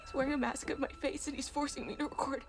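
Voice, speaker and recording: A woman's voice: high voice, wildly swooping pitch, fast talker, recorded from a distance, soft background music. An actress playing a terrified teenage girl who whispers breathlessly as she hides from a killer, in film dialogue. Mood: frightened. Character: terrified teenage girl phoning police while hiding.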